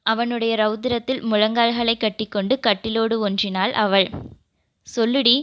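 Smooth-voiced woman narrating a romance novel. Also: medium pitch, steady tone, normal speed, a bit bright.

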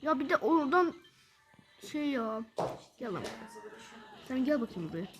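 A woman giving excited live gameplay commentary as a gaming video creator. She gets frustrated quickly and fires off repeated words in bursts. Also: high-pitched, a little hiss or hum.

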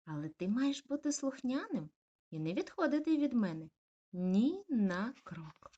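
A woman puts on a caring mother dog in a storybook, a little higher than plain talk, with a lively, slightly breathy voice. She is gentle but firm. The audio sounds slightly dull and lo-fi. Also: unhurried.

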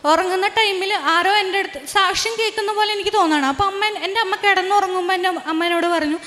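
A young woman with a very high, light voice tells her religious testimony, earnest and halting, often breaking off and restarting. Her voice rings with a long reverb, as if she is speaking in a large, echoing room. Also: fairly even intonation, sharp tone, slight background noise. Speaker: testifying believer.

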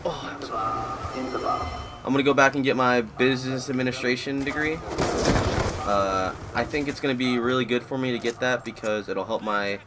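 Recorded amid a lot of noise, a twenty-something gaming YouTuber from Florida talks at medium pitch and normal speed. He provides live gameplay commentary, rambling and easily pulled away by the match.

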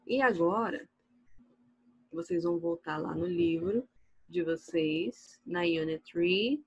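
A Brazilian woman teaching a recorded online English class, explaining slides patiently, slow and clear, checking "ok?" after each point. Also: on the low side, a little mellow, no echo, highs cut off. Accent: Brazilian Portuguese.

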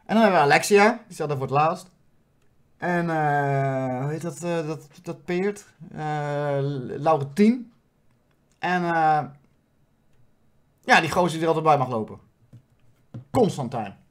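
A man's voice: fairly high pitch, animated, a little slow, long pauses. A man from the Netherlands giving mocking, rambling satirical commentary over footage, often stumbling over repeated words. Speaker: comedian host.

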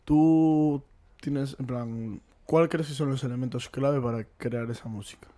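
A male co-host on a casual podcast. He asks questions haltingly and rephrases them, in a dark, mellow voice. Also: mid-range voice. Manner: hesitant, rephrases his questions.

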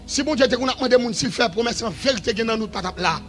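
A man preaching a revival sermon in a shouted, sing-song style that falls to quieter stretches. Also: very high voice, lively intonation, fast, soft background music.

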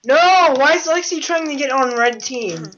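A woman's voice: sits high, animated, normal speed, a bit bright, slight background noise. A woman talking casually with a friend as she plays a game. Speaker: gamer. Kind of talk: casual gaming chat during play. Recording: dull lo-fi voice chat.

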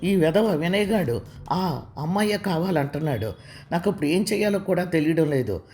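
A woman's voice: fairly low pitch, animated, normal speed, warm tone, slight background noise, close to an everyday voice. A woman voicing a worried middle-aged mother in a narrated story, fretting and anxious.

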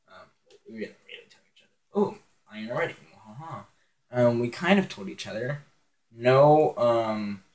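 A man's voice: mid-range voice, darkish tone. A teenage boy at home in his bedroom, rambling and giggling through casual game commentary, recorded on a phone on a stand. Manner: rambling and giggly, with many ums. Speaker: gaming channel host.

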